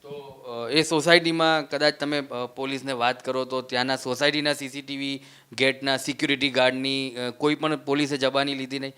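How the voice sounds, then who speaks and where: A male reporter asking probing questions in an interview, pausing on frequent hesitation fillers. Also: mid-range voice, level tone, sharp tone, clear, resonant tone.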